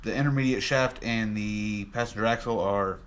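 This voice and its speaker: A man giving a casual car vlog in a tired, sedated, halting way, sounding drowsy and medicated. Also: on the low side, clear, resonant tone. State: tired and drugged on muscle relaxers. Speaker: car vlogger and home mechanic.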